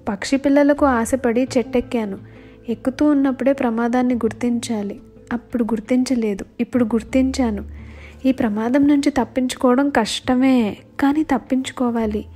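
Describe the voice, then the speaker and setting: A woman voicing a sly male cat who pleads and flatters, pretending to be pious, in a storybook tale. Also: a little high, moderate pace, lightly acted. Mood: scheming. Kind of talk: storybook voice acting. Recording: faint music underneath.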